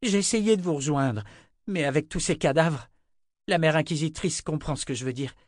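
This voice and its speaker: Weird intense young guy preaching away, higher pitched, a man doing him for an audiobook, dry sound. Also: moderate pace, no echo, close to an everyday voice. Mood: pleading. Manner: earnest, pleading, lecturing. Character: strange, fervent young man, anxious and preachy.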